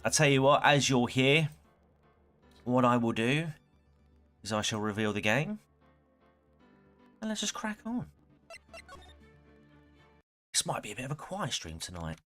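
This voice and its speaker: A man's voice: mid-range voice, sing-song, unhurried, long pauses, a bit bright, faint music behind. A man chatting casually to viewers as he hosts a live game stream. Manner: chatty, greets viewers as they arrive.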